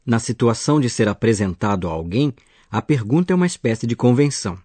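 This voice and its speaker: Husky-voiced male teacher, lively intonation. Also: medium pitch, fast talker, no echo. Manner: patient, explanatory. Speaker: language teacher. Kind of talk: scripted radio lesson.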